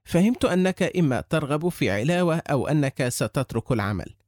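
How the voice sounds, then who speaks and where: A man voicing a shrewd, wealthy older businessman who speaks calmly and lectures in a measured way, in an audiobook. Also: fairly high pitch, dry recording, clean studio sound. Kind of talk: audiobook character reading.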